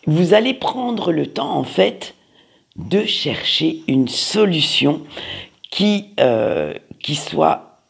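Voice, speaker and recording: A card reader with a very gravelly, husky voice talks straight to viewers in a weekly tarot reading. The delivery is slow but lively, swooping up and down in pitch, with a playful, chatty manner that often searches aloud for the right word. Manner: talks straight to viewers, peppering lines with "hein".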